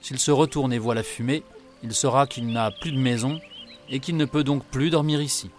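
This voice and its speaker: A man voicing an old male beggar with hidden powers, calm and threatening, in a storybook reading. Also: mid-range voice, moderate pace, soft background music, lightly acted. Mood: explaining.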